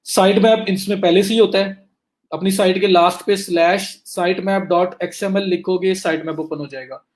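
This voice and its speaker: A man teaching a live online class, walking students through each click step by step and saying he is speaking fast to cover more, in with a flavour. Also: high voice, steady tone. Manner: talks students through clicks step by step, addresses them directly. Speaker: digital marketing instructor. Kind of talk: live screen-share lecture.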